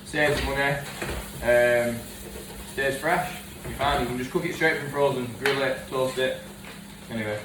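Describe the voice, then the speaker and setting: A man chatting casually while cooking at home, jokey and quick to laugh. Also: medium pitch, steady tone. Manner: giggly, jokey, laughs often. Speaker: co-host of home cooking video. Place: home kitchen. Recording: echoey kitchen, mic far off, noisy.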